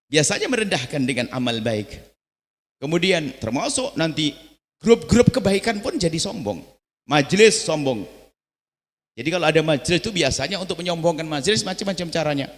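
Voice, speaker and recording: A middle-aged male preacher giving an impassioned sermon, his voice surging upward into emotional pleas. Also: mid-range voice. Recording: long reverb of a large hall.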